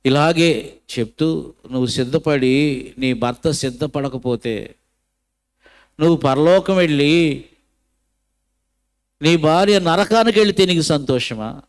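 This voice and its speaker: A middle-aged male pastor preaching a sermon in Telugu and telling a story, with big swings of pitch and loudness as he acts out its characters. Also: slow, pauses often.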